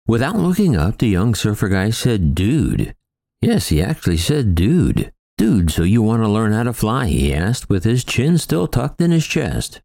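A man's voice: gravelly, dark tone, no room sound. A middle-aged man narrating a wry, vivid first-person story of his first flying lesson. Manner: wry, vivid storytelling with big swings in pitch.

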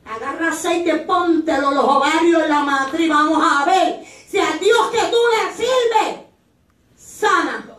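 A woman evangelist delivers a fiery Pentecostal sermon in a very high voice, often breaking into shouts. She is heard from some distance in an echoey church hall. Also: slow. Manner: impassioned, shouting at peaks, acts out voices of others. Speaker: evangelist preacher.

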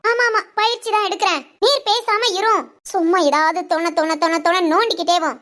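A woman voicing a sharp-tongued young wife in a Tamil cartoon, bickering and theatrically complaining. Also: very high voice, steady tone, fairly quick. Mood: scolding. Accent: Tamil Nadu Tamil. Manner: bickering, dramatic. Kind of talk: cartoon voice acting.

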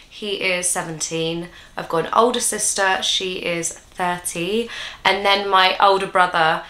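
Chatty young woman with a bright voice. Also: mid-range voice. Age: 20s. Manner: rambling, chatty and self-mocking. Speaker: vlogger answering viewer questions. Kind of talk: casual Q&A chat to camera. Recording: roomy echo.

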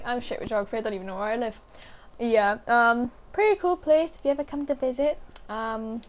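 Chatty Welsh teenage girl. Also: fairly high pitch. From Wales. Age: teens. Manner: chatty, giggly, says like a lot, swears casually. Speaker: gaming YouTuber. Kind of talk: casual vlog chat over gameplay.

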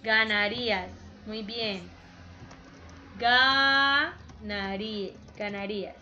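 A female teacher with a high, bright voice gives children an online grammar lesson, speaking slowly and patiently. The call audio is dull and lo-fi.

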